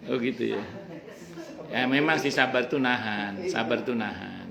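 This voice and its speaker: A man's voice: medium pitch, unhurried, vocal fry, a crowd in the background. A male religious teacher giving a casual, joking study talk at a home gathering, sometimes reciting Arabic verses. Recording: roomy home recording with faint ambience.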